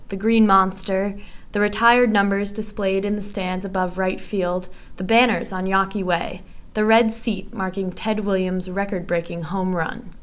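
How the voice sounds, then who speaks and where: A young woman in her early twenties reads a written essay aloud. Her delivery is measured and earnest, steady from one sentence to the next, with a middle-pitched voice. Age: young adult. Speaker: student narrator. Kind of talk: read essay narration.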